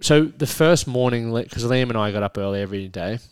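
A man's voice: medium pitch, a little fast, clear, resonant tone, no room sound, clean studio sound. A man in his thirties with a broad Australian accent, chatting casually and telling stories in a slangy, joking way as a podcast co-host. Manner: laid-back, slangy, joking. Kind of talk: casual chat, storytelling with his wife.

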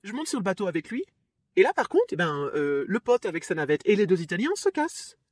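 A woman hosting a podcast, telling a personal story in a casual, lively way with frequent laughs and fillers. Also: mid-range voice, quick pace, no room sound. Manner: lively, chatty, laughs often, trails off with fillers. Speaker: podcast host.

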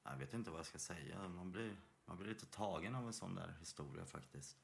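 A man's voice: deep voice, expressive, gravelly, a little hiss or hum. A man co-hosting a podcast, telling a ghost story in hesitant casual chat. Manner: hesitant, with fillers and restarts. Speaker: podcast co-host.

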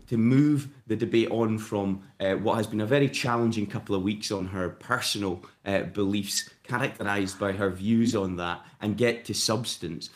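A man with a croaky, sleepy voice giving conversational political analysis as a podcast guest. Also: fairly low pitch.

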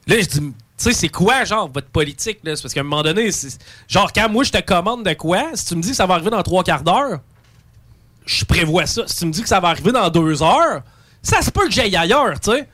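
A man's voice: high-pitched, brisk, dry recording. A man with a Québécois accent telling a comic story among friends, ranting, swearing freely and acting out both sides of the conversation. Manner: animated ranting, heavy swearing, acts out both sides of a dialogue.

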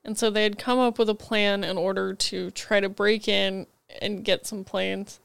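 A woman's voice: mid-range voice, level tone, normal speed, vocal fry, clear, resonant tone, dry recording. A woman with a cold, co-hosting a book podcast and chatting casually about what she is reading. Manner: chatty, rambling book rundowns with frequent "like". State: has a cold, head foggy.

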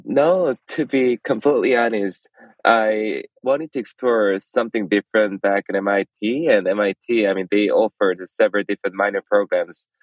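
A man's voice: fairly low pitch, normal speed, no echo, rough recording. A man from South Korea, a startup founder answering interview questions earnestly. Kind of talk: podcast interview.

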